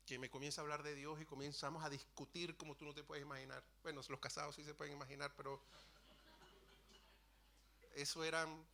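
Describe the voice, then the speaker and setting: A man's voice: on the high side, sharp tone. A man, telling his faith testimony from the pulpit in an earnest, storytelling way, often restarting his phrases. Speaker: preacher sharing testimony. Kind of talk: sermon testimony. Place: church.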